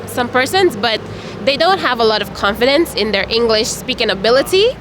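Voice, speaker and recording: A young woman from Saint Vincent and the Grenadines answers street interview questions on a city street, sounding friendly but hesitant and using lots of fillers. Her voice is on the high side, brisk, with lively intonation. Traffic and street noise fill the background of the recording.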